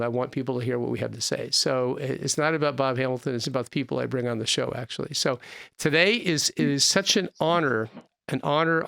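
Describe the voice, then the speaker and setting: A man in his sixties hosts a podcast into a studio microphone, earnest and a little rambling, doubling back on his words. His voice is gravelly in a dry, close studio. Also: mid-range voice, a bit bright, no echo. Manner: earnest, repetitive, with many restarts. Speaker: podcast host. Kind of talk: podcast interview. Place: small studio. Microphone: studio mic with headphones.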